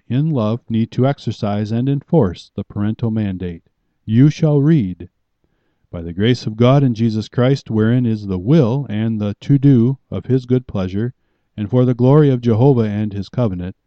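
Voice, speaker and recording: A man with a low voice preaches a sermon with firm, emphatic commands. His delivery is deliberate and pastoral. The recording is dry and somewhat muffled. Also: dry recording.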